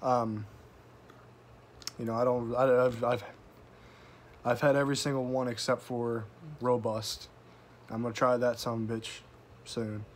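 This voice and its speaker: A product reviewer gives a casual, folksy review to camera, swearing freely and using country slang, with a tobacco pouch tucked in his lip. His medium-pitched voice is flat and measured, with frequent pauses, and there's slight background noise.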